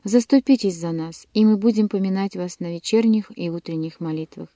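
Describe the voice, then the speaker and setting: A woman's voice: medium pitch, brisk, warm tone, no room sound, clean studio sound, lightly acted. A woman reading aloud and voicing an elderly father who frantically begs for his son's life. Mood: desperate. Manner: begging, frantic. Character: desperate elderly father pleading for son.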